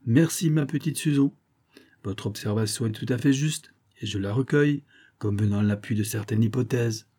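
A man reading aloud as an eager young male detective, speaking in a raised, excited way. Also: medium pitch, normal speed, close to an everyday voice. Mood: kindly.

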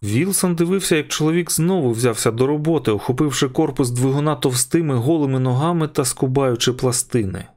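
A man's voice: mid-range voice, fairly quick, few pauses, a little mellow. Man narrating an audiobook. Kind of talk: scripted narration.

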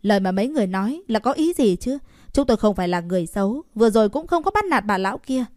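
A woman voicing a nervous young woman who protests loudly. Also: medium pitch, normal speed, no room sound, studio quality, natural voice. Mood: upset. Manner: nervous, then indignant protest. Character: timid but fiery young woman.

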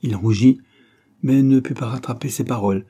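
A man reading a classic French novel aloud in an even, unhurried narration. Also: mid-range voice, breathy edge. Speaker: audiobook reader. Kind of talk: scripted literary narration.

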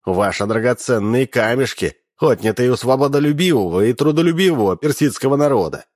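A man voicing a shrill, indignant young Persian princess in a storybook reading, shouting her lines. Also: expressive, fairly quick, no room sound, studio quality, close to an everyday voice.

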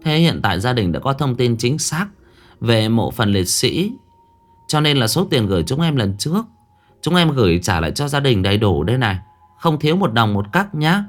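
A man's voice: medium pitch, sing-song, moderate pace, voice pushed up, close to an everyday voice. A man voicing a scheming psychic who films and persuades a crowd in a raised, dramatic voice. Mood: dramatic persuading. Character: scheming psychic-team leader filming a crowd.

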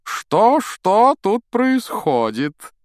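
A man's voice: high voice, very animated, extremely slow, darkish tone, no room sound, clean studio sound, voice pushed up, full character voice. A man voicing a vain, pompous wizard teacher who talks in a grand, sing-song way, in an audiobook. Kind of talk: audiobook character voice.

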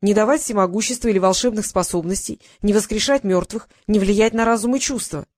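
A woman's voice: medium pitch, fairly quick, darkish tone, no echo, close to an everyday voice. Woman doing an indignant young man, protesting, exclaiming, dry storybook reading.

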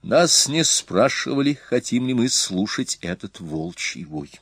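A man's voice: mid-range voice, big pitch swings, measured pace, fairly bright tone, breathy edge, no echo, heavily acted. A man voicing a proud, defiant male bard who speaks with cold scorn in an audiobook. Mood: cold defiance.

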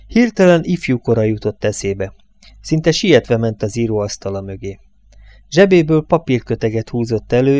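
A man narrating an audiobook in a measured, dramatic reading. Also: medium pitch, a little mellow. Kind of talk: scripted narration.

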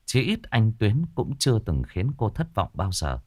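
A man narrating a horror story in a slow, suspenseful storytelling manner. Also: fairly low pitch, huge pitch swings, darkish tone, slightly rough, no room sound, clean studio sound.

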